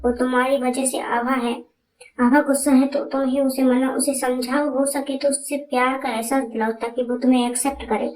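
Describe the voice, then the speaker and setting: A woman's voice: high voice, little pitch movement, moderate pace, darkish tone, slight background noise, close to an everyday voice. A woman voicing a blunt young female friend in a spoken story, talking in a bossy, scolding way. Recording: roomy, from a distance.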